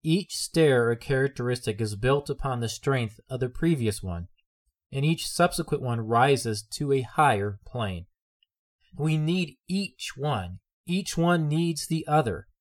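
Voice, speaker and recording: Male preacher, mid-pitched, earnest sermon delivery with lots of repetition. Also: lively intonation, unhurried. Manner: earnest, repeats phrases for emphasis.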